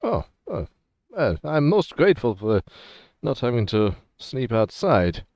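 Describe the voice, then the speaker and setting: A man's voice: medium pitch, sing-song, unhurried, a little mellow, no echo, dull audio. A man voicing a startled, grateful wanderer in a tabletop game, speaking hesitantly with stammers. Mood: grateful, impressed. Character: startled, grateful armored male wanderer seeking shelter.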